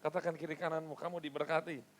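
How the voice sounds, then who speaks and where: A middle-aged male pastor, preaching a lively sermon and teasing the congregation. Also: a little high, fast. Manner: lively, mixes stern asides with playful teasing of the congregation.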